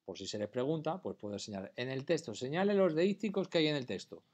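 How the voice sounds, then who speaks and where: A man from lectures a class at an ordinary, mid-range pitch. He explains step by step and keeps pausing to ask whether everyone has understood. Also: expressive, a little mellow. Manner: patient, keeps checking understanding with questions. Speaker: teacher.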